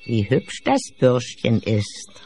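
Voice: mid-range voice, huge pitch swings, slow, a little mellow. An actor playing a wicked old child-eating witch in a radio play, cackling, sneering and barking orders. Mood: gloating.

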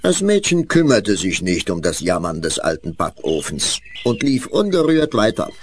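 A man narrating a children's fairy tale in an expressive storytelling way. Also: on the low side, normal speed, slight background noise.

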